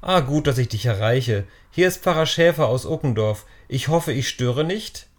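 A man voicing a friendly village pastor with a warm, deep voice, speaking politely and calmly in an audiobook. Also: moderate pace, close to an everyday voice.

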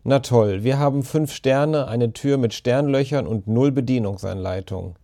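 Brief: sarcastic, grumbling storybook boy, mellow and muttered, read by a man. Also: mid-range voice, unhurried, no room sound, lightly acted. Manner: dry, wisecracking muttering.

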